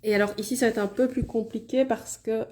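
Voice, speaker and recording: Hosting a casual live stream, a card reader with a Liège Belgian French accent does readings in a mellow, fairly high voice. She talks fast with a steady tone, keeps things chatty with apologetic asides, and reads viewer comments out loud.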